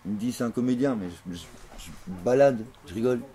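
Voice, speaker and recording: A man giving a grandiose, declamatory mystical monologue in an interview, slow and emphatic. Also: medium pitch, dark tone.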